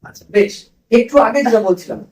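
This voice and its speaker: A man's voice: high-pitched, very animated, quick pace, a little mellow, poor audio. A man teaching a grammar lesson to a class in a classroom, asking questions and repeating the students' answers.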